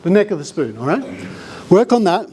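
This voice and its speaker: A man's voice: high-pitched, very animated, a little fast, a little mellow. A middle-aged man with an Australian accent giving a chatty, jokey live conference talk and bringing audience members up to help. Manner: jokey, chatty showman, breaks into laughs. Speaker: skeptic presenter on stage.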